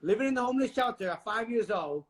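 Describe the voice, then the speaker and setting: A man's voice: extremely high pitch, expressive, quick pace. A man in his forties from Vietnam, a real estate investor speaking as a guest in an interview, emphatic and preachy, addressing the listeners directly. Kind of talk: motivational interview talk.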